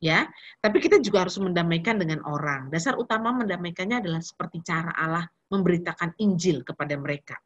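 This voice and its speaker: Husky-voiced woman in her fifties preaching. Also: on the low side, quick pace, fairly bright tone, dull audio. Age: 50s. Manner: chatty, mixes slang and English words. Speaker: preacher speaking to young people. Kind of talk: casual sermon with personal stories.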